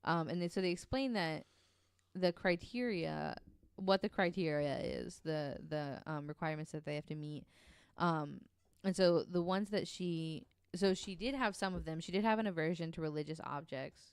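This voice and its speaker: On a casual podcast, a woman shares a story with her co-hosts in an easygoing, talkative manner, tossing in ums and offhand swearing. Her slightly low, smooth voice is captured close up and dry, with no room sound.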